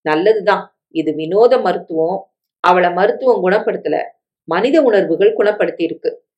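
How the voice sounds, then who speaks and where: Calm doctor guy explaining things slowly, woman reading him out, storybook. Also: high-pitched, dull audio.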